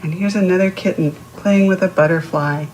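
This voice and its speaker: A woman hosting a children's read-aloud reads a picture book to young children, teaching as she goes by asking the listener questions and explaining words. Her voice is fairly low and darkish, and her pace is brisk. The recording is low quality, with a little hiss or hum.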